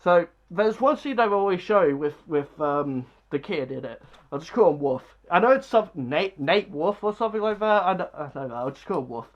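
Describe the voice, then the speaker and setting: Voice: medium pitch, animated, normal speed, hardly any pauses, muffled recording. A movie reviewer talking casually and bluntly, rambling with lots of filler words. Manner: blunt and dismissive.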